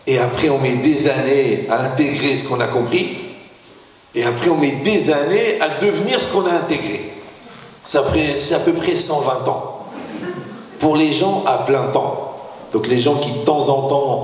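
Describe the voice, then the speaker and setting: Animated man lecturing in an echoey hall. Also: medium pitch, slight background noise. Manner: animated, jokey, acts out quoted exchanges; often checks in with the audience. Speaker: rabbi giving a lecture. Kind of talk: lively religious lecture with humor. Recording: echoey hall, heard from far off.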